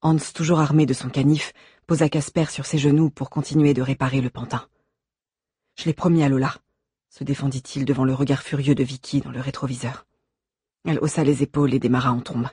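Husky male audiobook narrator. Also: mid-range voice, no room sound, studio quality. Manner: measured, steady reading. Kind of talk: scripted narration.

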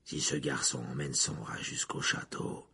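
A man voicing a desperate escaped convict with a raspy, low voice. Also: steady tone, moderate pace, pushed and bright, full character voice. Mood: grim pleading.

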